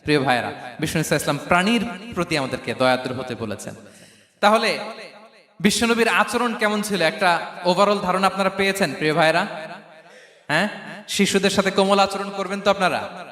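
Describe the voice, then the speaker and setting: A man's voice: high-pitched, brisk, long pauses, pushed and bright. A man preaching an impassioned waz sermon and throwing rhetorical questions at the crowd. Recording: echoey hall with long reverb.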